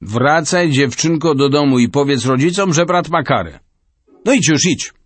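A man's voice: a little high, normal speed, dry recording, lightly acted. A man voicing a stern, harsh male schoolteacher who barks and scolds in an audiobook story. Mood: dismissive. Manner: barking, scolding.

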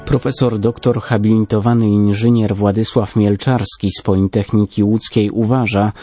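Low, dark-voiced male newsreader. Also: level tone, faint music behind. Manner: measured, formal. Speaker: news reader. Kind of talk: scripted news reading.

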